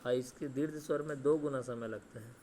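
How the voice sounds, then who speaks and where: A man teaching a grammar lesson who asks questions and answers them himself, often adding "ठीक है" and "है ना", and draws out sounds slowly to show them. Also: mid-range voice, warm tone, slight background noise.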